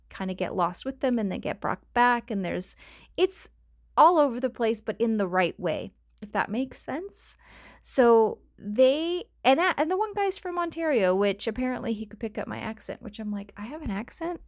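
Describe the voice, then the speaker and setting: A Canadian woman hosts her own podcast solo, chatting casually on a cheap home microphone, though the dry recording still sounds studio quality. Her mid-range voice rambles off on tangents, and she laughs often.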